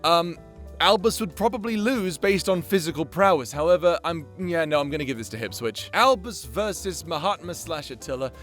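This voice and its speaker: Faint music sits under the voice of a channel creator and host who gives casual, cursing, wandering commentary to his fans. He sounds animated, with fairly high pitch, a fairly bright tone and a moderate pace.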